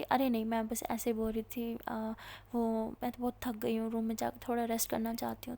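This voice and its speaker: A woman's voice: on the high side, vocal fry, warm tone. A woman with an Indian accent casually narrating a college love story and speaking the characters' lines herself.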